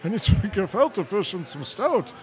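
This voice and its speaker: A man's voice: sits high, big pitch swings, normal speed, voice pushed up. A man voicing a chatty old man with a Yiddish-inflected accent, kvetching as a joke. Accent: Yiddish-inflected English. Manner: kvetching, jokey.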